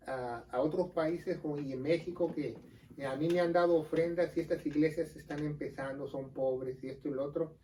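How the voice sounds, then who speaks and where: Earnest pastor with a mellow Mexican accent. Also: male voice, a little high, far from the mic, low-quality recording. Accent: Mexican Spanish. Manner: earnest, explains scripture, quick aside jokes. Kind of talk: casual teaching chat on a religious show.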